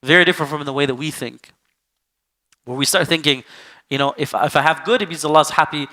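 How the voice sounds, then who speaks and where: This male Islamic teacher speaks briskly in a fairly high, bright, forceful voice, giving a sermon-style lesson in a conversational tone. He poses rhetorical questions constantly and occasionally acts out the people he quotes.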